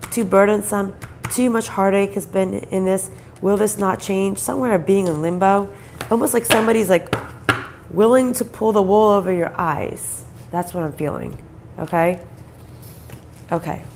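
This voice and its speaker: A woman gives an intuitive card reading in a groggy, gravelly voice that sounds off from throat trouble. She speaks conversationally and haltingly, circling back over phrases and asking questions. There is faint noise in the background. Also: medium pitch, a little mellow. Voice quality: groggy, croaky voice. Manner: halting, repeats phrases, asks rhetorical questions. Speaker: spiritual card reader, host.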